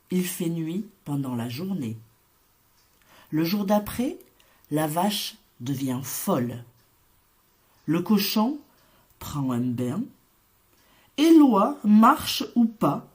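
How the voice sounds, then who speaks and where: A woman reads a children's story aloud in a deliberate, expressive way. Her pace is very slow and her pitch moves a lot, rising and falling through each sentence. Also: slightly rough.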